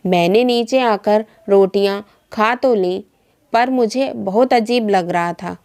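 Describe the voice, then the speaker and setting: A woman's voice: a little high, a little mellow, clear, resonant tone. Earnest woman narrating a moral tale. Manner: earnest, reflective storytelling. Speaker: storyteller. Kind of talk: scripted first-person story narration.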